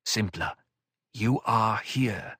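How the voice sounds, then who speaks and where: A man voicing a calm, cutting older woman mentor in an audiobook, speaking in a measured, dry way. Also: fairly low pitch, slightly rough, dry recording, exaggerated voice. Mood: cool.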